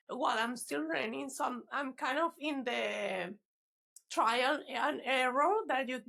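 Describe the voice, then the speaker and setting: A high-pitched, slightly bright voice with vocal fry belongs to a Venezuelan woman, a native Spanish speaker with that country's accent. Appearing as a guest in a casual interview, she chats about her fitness coaching, often laughing and restarting words.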